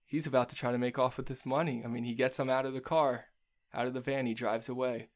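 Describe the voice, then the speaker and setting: A man in a casual movie discussion, lively, recounting scenes in close detail and arguing his points. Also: medium pitch, fast talker.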